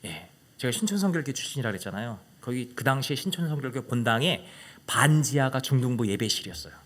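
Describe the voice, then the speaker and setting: A male pastor preaches a sermon with a medium-pitched, expressive voice at a quick pace. He tells a personal story dramatically, poses questions to the congregation, and swings from loud exclamations to hushed whispers.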